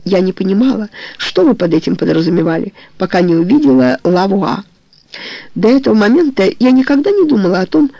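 Tired ashamed woman in an audiobook, as the reader puts her on, low hollow bitter voice, a bit gravelly. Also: warm tone, no room sound, muffled recording. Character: ashamed, weary middle-aged woman confessing to her suitor.

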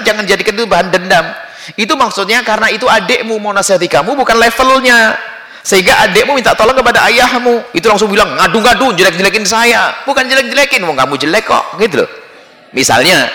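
Lively man preaching in an echoey hall. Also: high-pitched. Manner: lively, jumps between loud emphasis and quiet asides. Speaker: Islamic preacher. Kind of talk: sermon answering questions. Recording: echoey hall with long reverb.

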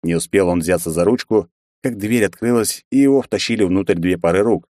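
A man reading an audiobook in a steady, even storytelling manner on a close studio mic. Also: deep voice, a little fast, no room sound. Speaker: audiobook narrator. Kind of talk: scripted narration.

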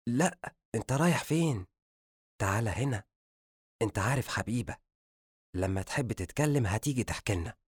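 Give me a man playing a thoughtful, observant brother in an Egyptian audiobook. His speech is calm and a bit quick, and the sound is dry. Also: medium pitch, husky, no room sound.

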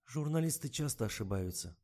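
A man's voice: medium pitch, expressive, a little fast, darkish tone, close to an everyday voice. A man reading an audiobook and voicing a polite, nervous young woman writer who answers in a raised, hesitant voice. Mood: polite flustered.

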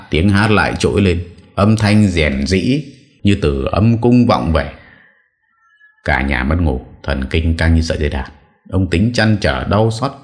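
Brief: male narrator for a spooky audio story, very low voice, steady and dramatic. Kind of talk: scripted horror story narration.

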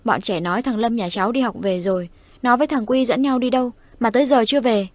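A woman's voice: fairly high pitch, fast, no room sound, lightly acted. A woman voicing a young village mother who calls out urgently, searching for her son. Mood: anxious. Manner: urgent, calling out.

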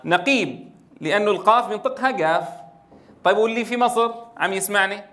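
A man's voice: high voice, quick pace. A man from Syria giving a lecture on Quran recitation, acting out different pronunciations and often checking with his listeners. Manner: animated, demonstrates pronunciations and recitation, asks the audience. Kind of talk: classroom lecture.

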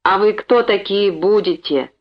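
A woman voicing a grumpy, half-deaf old male fisherman who talks gruffly and suspiciously, in a dull lo-fi recording. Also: medium pitch, a little slow, close to an everyday voice.

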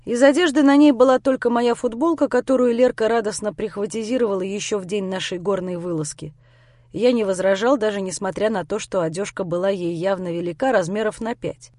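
A woman reading a first-person story aloud as an audiobook narrator, with expressive storytelling. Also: medium pitch, dry recording, clean studio sound.

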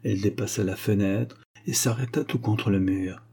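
A man narrating a classic story in a calm, measured way. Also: fairly low pitch, slightly rough. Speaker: audiobook narrator.

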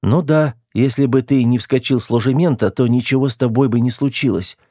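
Male reader as calm female android who reports facts flatly; higher than his own voice, dry. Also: a little fast, breathy edge, dry recording, lightly acted. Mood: matter-of-fact. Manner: level, matter-of-fact reporting. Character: female android crew member, calm and truthful.

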